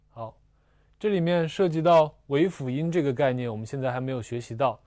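A man teaching a language lesson, slowly explaining spelling and pronunciation with patient repetition and small fillers. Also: medium pitch, a little mellow, no room sound, clean studio sound. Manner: slow and patient, repeats syllables twice, fillers like "啊" and "呃". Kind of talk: slow, deliberate classroom explanation.

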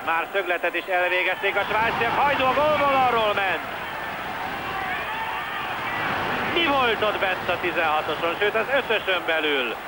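Excited man commentating football over noisy stadium sound. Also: high-pitched. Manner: excited, urgent in tense moments. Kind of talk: live football match commentary. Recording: noisy old TV broadcast, stadium ambience. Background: stadium crowd noise.

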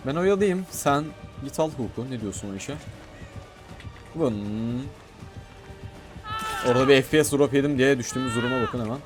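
A man commentating his own gameplay in a casual, excitable way, often shouting and talking to himself. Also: medium pitch, normal speed, pauses often, over music. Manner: excitable, shouts and talks to himself while playing. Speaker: gaming streamer.

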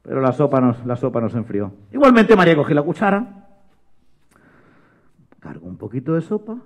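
A man's voice: mid-range voice, wildly swooping pitch, brisk. A young man, a children's magician and storyteller who coaxes and jokes with a young volunteer. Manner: coaxing, playful, talks to a child volunteer. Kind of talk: live children's show.

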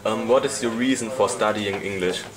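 A man's voice: on the low side, moderate pace, a crowd in the background, rough recording. A man acting as interviewer, putting short, simple prepared questions to someone. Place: indoor room, off camera.

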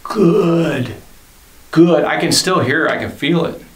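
A man's voice: on the high side, brisk, creaky, fairly bright tone. Earnest man in his fifties, roomy studio. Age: 50s. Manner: earnest, faith-filled, repeats himself. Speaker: band leader and studio owner. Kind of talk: reflective documentary interview. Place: home recording studio.

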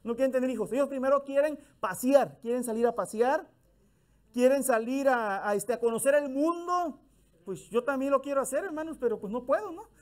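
A man's voice: very high voice, fairly quick. A middle-aged male minister, giving a folksy, conversational sermon with acted-out bits of dialogue.

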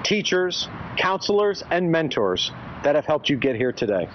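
A man in his forties, a high school principal, giving a measured, formal commencement speech outdoors at a podium microphone. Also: sing-song. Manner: measured, formal address with deliberate pauses. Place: outdoors in front of a brick building. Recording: dull outdoor recording with traffic noise.

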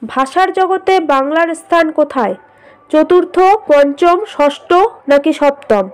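High-voiced woman reading quiz answers. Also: animated, takes it slowly. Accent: Bengali. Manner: reads each multiple-choice question, lists options, then states the answer. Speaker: exam prep teacher.

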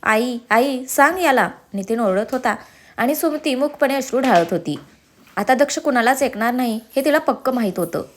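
A woman narrating a serialized family drama story with expressive storytelling. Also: a little high, a little fast, slight background noise.

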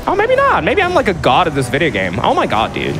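Animated, higher-voiced man gaming live. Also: fast talker. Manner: joking, self-deprecating exaggeration. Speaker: gamer, speedrunner playing live. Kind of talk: casual live gameplay commentary. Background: game music and sound effects.

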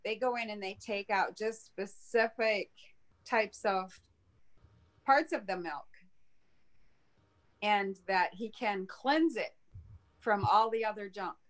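A woman on a video call keeps the talk moving with quick "yeah"s, "right"s and short questions, and now and then tells a longer point of her own. Her pitch sits in the middle range for a woman. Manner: affirming, chiming in with short agreements. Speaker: co-presenter. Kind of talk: casual chat on a video call.

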